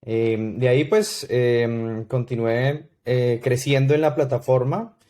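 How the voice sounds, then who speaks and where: A man in his thirties with a Colombian accent, a podcast guest who tells his story slowly, with many fillers and restarts. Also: medium pitch, fairly even intonation, mellow. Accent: Colombian Spanish. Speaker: guest consultant. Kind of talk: podcast interview.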